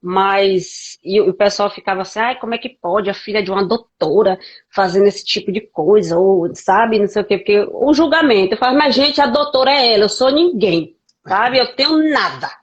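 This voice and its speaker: A woman's voice: medium pitch, lively intonation, husky, muffled recording. Frank woman on a video call. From Brazil. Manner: frank, halting storytelling with many restarts. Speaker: guest. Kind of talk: candid conversational interview.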